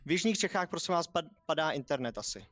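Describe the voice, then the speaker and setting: A man's voice: on the high side, animated, fairly bright tone. A man acting as game master of an online tabletop game, speaking from home over a call and sounding puzzled and apologetic about his lagging connection.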